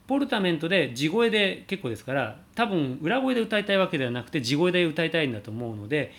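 A man teaching singing, calmly answering a viewer's question about high notes and showing sung slides. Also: fast talker, vocal fry. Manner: explains calmly, demonstrates sliding sung vowels.

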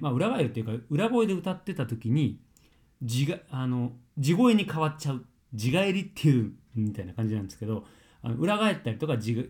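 A man's voice: a little high, darkish tone. A man working as a vocal coach, answering a listener's question in a casual lesson and explaining with everyday comparisons.

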